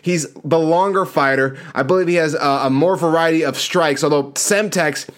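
A man with a somewhat high-pitched voice delivers casual sports commentary. He talks through his fight picks conversationally, leaning hard on key words and using plenty of slang. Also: normal speed. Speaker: sports show host.

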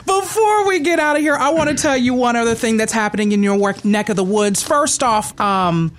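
A man hosting a radio show, chatting casually and reading announcements in an upbeat, brisk way from a studio. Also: very high-pitched, lively intonation, a bit bright.

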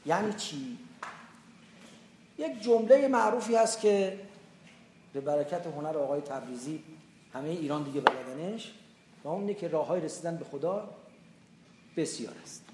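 A man's voice: on the high side, animated, pauses often, a little mellow. An older man from Iran giving a tafsir lecture on the Quran, explaining with everyday examples. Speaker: Quran teacher. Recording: echoey room with faint background noise.

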